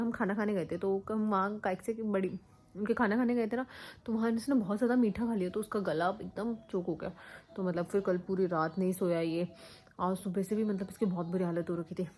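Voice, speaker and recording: Chatting casually on a phone-recorded home vlog, a young vlogger and mother talks gently about her sick little boy from a bedroom. Now and then she coos at him in a higher pitch.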